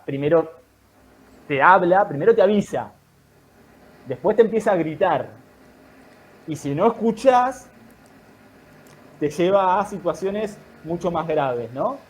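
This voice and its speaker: A man, a guest in an online talk, giving calm, thoughtful advice in measured explanatory phrases. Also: a little high. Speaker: guest speaker.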